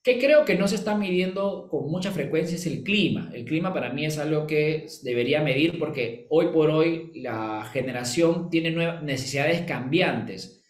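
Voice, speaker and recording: A man's voice: fairly high pitch, normal speed, reverberant. A man with a Peruvian accent, answering an interview question as a legal management consultant and explaining with rhetorical questions and quoted examples. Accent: Peruvian Spanish. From Peru.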